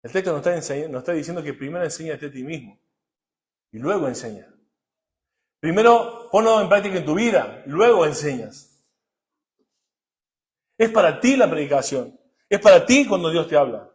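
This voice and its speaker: A male pastor preaches in a notably high voice. He moves from quiet, low asides to loud, pressing emphasis and keeps asking the congregation questions. He sounds middle-aged. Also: lively intonation, moderate pace, pauses often. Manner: swings between hushed asides and loud emphatic bursts; asks the congregation rhetorical questions. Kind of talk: sermon.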